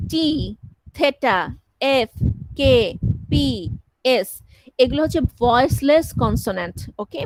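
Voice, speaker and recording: High-voiced woman teaching class. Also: darkish tone, no room sound, poor audio. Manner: explains step by step, often checks understanding. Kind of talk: classroom lecture.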